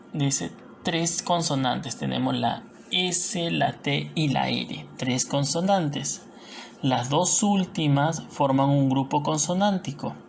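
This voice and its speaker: A Peruvian Spanish woman teaching a recorded lesson in a low, gravelly voice. She explains step by step and keeps asking whether the class is following. A faint hiss sits under the recording. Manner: patient, explanatory, frequent tag questions.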